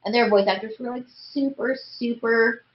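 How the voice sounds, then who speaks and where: A woman's voice: on the high side, fairly even intonation, a little fast. Chatty woman, roomy dull sound. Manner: chatty, frequent "like" and "you know" fillers. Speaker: guest voice actress. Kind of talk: casual interview chat. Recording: roomy, slightly dull podcast audio.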